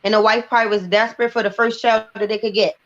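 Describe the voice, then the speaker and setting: A woman co-hosting a casual panel chat, agreeing quickly and guessing at motives. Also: medium pitch, level tone. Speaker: podcast co-host. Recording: dull lo-fi sound.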